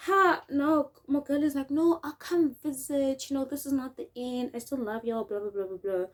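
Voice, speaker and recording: Animated South African woman telling a story. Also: high-pitched, normal speed, poor audio. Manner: animated, acts out quotes, mixes in local words. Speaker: vlogger. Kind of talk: casual storytime while doing makeup.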